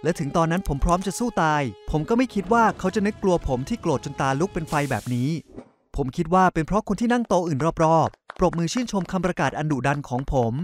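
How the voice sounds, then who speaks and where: A man narrates a scripted first-person tale in a slightly raised voice, confiding in his listeners as if admitting something. Quiet music plays faintly beneath him. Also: sits high, expressive, quick pace. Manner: confessional, speaks directly to listeners. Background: faint background music.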